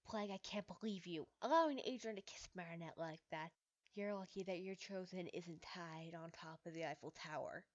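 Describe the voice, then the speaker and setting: A woman's voice: medium pitch, steady tone, normal speed, dry recording, lo-fi sound, close to an everyday voice. A woman reading as a stern scolding little magical creature.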